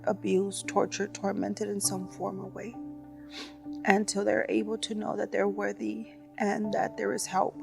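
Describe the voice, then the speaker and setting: A woman's voice: medium pitch, gravelly, darkish tone. A woman telling her personal faith testimony in an earnest storytelling way. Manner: earnest storytelling, frequent "you know". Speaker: testimony speaker.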